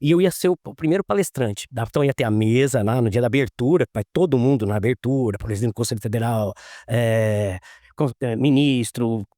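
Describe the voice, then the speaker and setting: A man being interviewed, a lawyer, talks briskly in a medium-pitched voice, captured as a dry, clean studio recording. He tells stories casually and animatedly, acting out the quoted dialogue as he goes.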